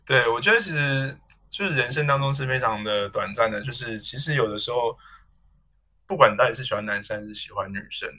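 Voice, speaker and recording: A man co-hosts a casual podcast, offering reflective, encouraging thoughts broken up by joking asides. His voice is bright and forward, at an everyday middle pitch. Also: a little fast.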